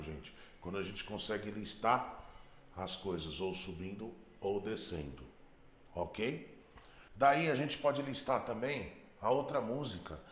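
A man's voice: medium pitch, a bit bright, roomy sound. A man teaching a beginner piano lesson, explaining patiently and singing out note names as he plays. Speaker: music teacher.

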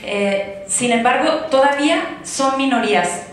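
A woman's voice: high-pitched, expressive, a little slow. Woman, audience question, hesitant, fillers, distant mic, heavy echo. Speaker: university researcher asking a question. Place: university lecture hall. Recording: echoey hall from far off, faint noise.

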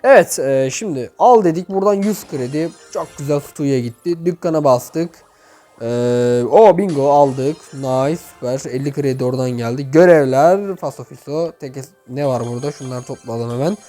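A young man with a mellow, medium-pitched voice hosts a YouTube gaming channel, chatting casually at a moderate pace as he reviews player profiles and talks to viewers like friends. He's recording indoors in a bedroom cleared of its things, so the room sounds echoey, with faint music in the background.

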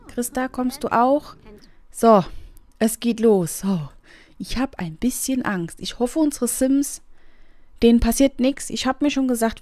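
A woman giving casual gameplay commentary, excitable and often squealing and gasping. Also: medium pitch. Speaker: let's play gamer.

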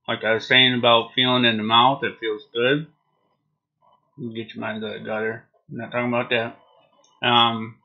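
Slow-talking, laid-back man, dull sound. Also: medium pitch. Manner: laid-back, hesitant, trailing phrases. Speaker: product reviewer. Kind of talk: casual unscripted video review. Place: small home room, indoors.

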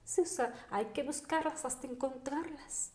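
As a podcast guest, a Mexican-accented woman in her thirties shares personal stories with emphasis during a conversational interview. Her voice sits high and keeps a moderate pace. The echoey dining room is captured by a podcast microphone on a table stand.

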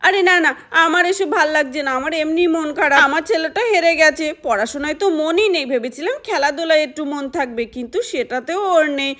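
A woman's voice: high-pitched, quick pace, few pauses, fairly bright tone. A woman voicing an angry, strict village mother who scolds and complains in a doll story. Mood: complaining.

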